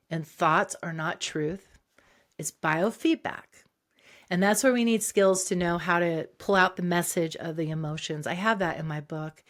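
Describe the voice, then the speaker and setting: Lively, rambling woman psychologist. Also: on the low side. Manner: rambling, lively, with many fillers and restarts. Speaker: guest psychologist and author. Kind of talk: casual interview chat.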